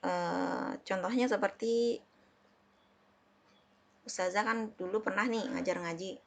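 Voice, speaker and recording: A woman from Indonesia teaches a class lesson in a voice of ordinary height for a woman. She speaks patiently, repeats herself often and slowly sounds out each letter and example word. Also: medium pitch, steady tone, creaky. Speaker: Arabic teacher.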